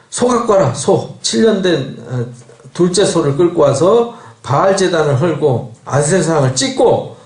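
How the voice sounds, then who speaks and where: A man's voice: on the high side, a little mellow, reverberant. A man pastor giving a Bible lecture sermon, acting out quoted dialogue and asking rhetorical questions. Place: church sanctuary.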